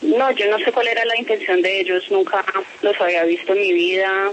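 A woman speaks over a muffled telephone line, with a faint hiss behind her. She is firm and insistent, keeping her wording formal as she answers an interviewer's questions. Her pitch sits in the middle for a woman. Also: fairly even intonation, a little fast. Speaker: interviewee, parent making a complaint.

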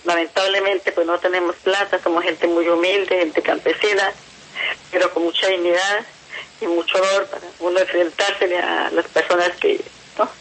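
A woman's voice: fairly low pitch, flat delivery, normal speed, fairly bright tone, slight background noise, rough recording. A middle-aged Colombian woman giving emotional testimony about her family, pleading and repeating herself. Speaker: interviewee, mother of a kidnapped son.

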